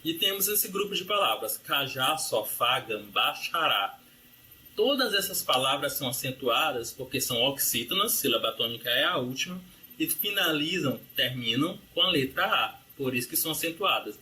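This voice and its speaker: In a recorded grammar review, a bright-voiced man with a fairly high pitch speaks expressively and briskly. He works through rules and example words, often checking in with "né?" or "ok?".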